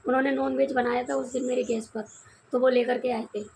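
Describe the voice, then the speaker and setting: A young woman from India with a hoarse voice, telling her viewers a story in a casual, confiding vlog chat. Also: high voice, flat delivery, brisk, darkish tone, a little hiss or hum. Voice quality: gravelly. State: hoarse from crying and shouting. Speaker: vlogger.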